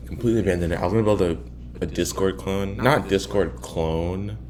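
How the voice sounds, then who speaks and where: A man thinking aloud in a casual coding vlog, halting and muttering to himself as he drifts into tangents, sounding far from the mic in an echoey apartment. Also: low-pitched, darkish tone. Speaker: programmer recording himself working. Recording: far-off echoey room, clearly noisy.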